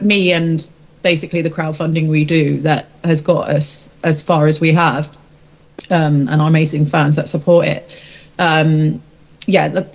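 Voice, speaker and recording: A woman with a deep voice speaks as a singer in an interview, informal and reflective, feeling her way hesitantly through candid answers. The audio is dull.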